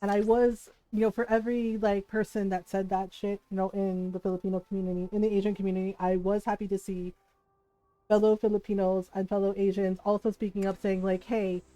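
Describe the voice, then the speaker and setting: Speaking a little fast in a medium pitch, a woman raised with Tagalog, English and Spanish banters on a live game stream. Her storytelling is frank, lively and sweary, and the recording quality is low.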